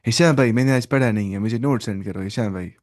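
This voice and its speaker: A man voicing a young male friend with a Pashto accent who speaks broken grammar and pleads quickly for help. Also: lowish voice, darkish tone, close to an everyday voice. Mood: pleading.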